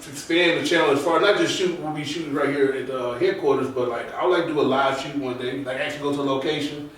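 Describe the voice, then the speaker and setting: A man's voice: fairly high pitch, fairly even intonation, fast talker, a bit bright. A man in his thirties, host of a casual podcast, talking earnestly with many filler likes. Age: 30s. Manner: earnest, loose, lots of "like". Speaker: podcast host and channel owner. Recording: roomy echo, mic at a distance.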